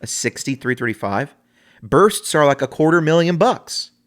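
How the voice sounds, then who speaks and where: A man's voice: fairly high pitch, animated, moderate pace, voice pushed up, lightly acted. A man voicing a skeptical male listener who questions his spending in an incredulous, teasing manner.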